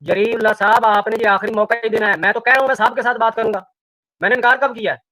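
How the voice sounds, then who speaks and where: A man's voice: high-pitched, steady tone, quick pace, pushed and bright, dry recording, rough recording. A man arguing as a guest in a heated live-stream debate, insistent and pressing his questions again and again. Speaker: debate guest challenging the hosts.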